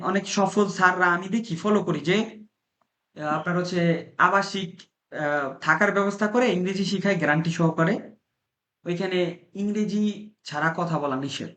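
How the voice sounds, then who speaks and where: A man's voice: sits high, fairly bright tone. A man from Bangladesh teaching an informal language class, coaching his listeners and repeating key points. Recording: roomy echo.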